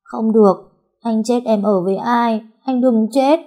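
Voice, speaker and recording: A woman voicing a feisty young girl who is tearful and defiant, with shrill pleading cries. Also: normal speed, darkish tone, natural voice. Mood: crying out.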